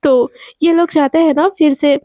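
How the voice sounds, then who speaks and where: A woman's voice: high voice, steady tone, normal speed, dark tone, no echo, clean studio sound. A woman narrating a love story in a chatty, casual way, full of fillers.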